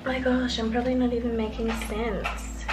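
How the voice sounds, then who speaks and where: A woman's voice: fairly high pitch, level tone, moderate pace, echoey room, background noise. A woman in her thirties, a family vlogger mum chatting casually at home, gushing and emotional and repeating her exclamations. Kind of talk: casual vlog chat.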